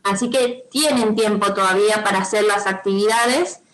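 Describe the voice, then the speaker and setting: Her medium-pitched voice is fairly bright and moves at a moderate pace, captured on a low-quality recording. She's a primary school teacher with a Rioplatense Spanish accent, giving patient step-by-step directions to pupils over a video call in an online class and regularly checking that they're with her.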